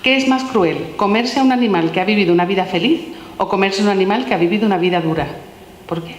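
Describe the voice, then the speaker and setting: Speaking fast in a mid-pitched voice, a woman presenting her book asks the audience a steady run of gentle questions, reading them from a children's philosophy book. It's a public talk in a big room, and the hall's long reverb is clearly audible.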